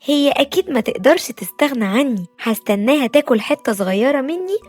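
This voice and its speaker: A woman's voice: high-pitched, animated, a little fast, a little mellow, faint music behind. A woman with an Egyptian Arabic accent voicing a spoiled, self-assured female chocolate bar in a storybook. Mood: teasing.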